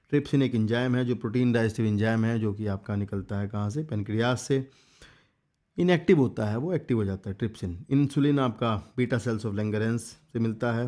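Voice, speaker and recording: A biology teacher with a mellow, mid-range voice gives a casual exam revision lecture, reading textbook lines in English and explaining them in Hindi. He urges students to remember the key points.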